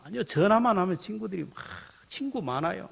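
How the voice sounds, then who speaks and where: On a dull lo-fi recording, a male pastor voices a ruined businessman who has lost everything, pleading in despair and then protesting indignantly. His exaggerated voice is high, husky and quick, with lively intonation and vocal fry.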